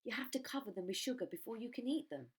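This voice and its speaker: A woman's voice: fairly high pitch, lively intonation, fast talker, husky, pitched above the performer's own voice. A woman voicing a smaller storybook crocodile, sceptical and sneering as it contradicts. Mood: disgusted.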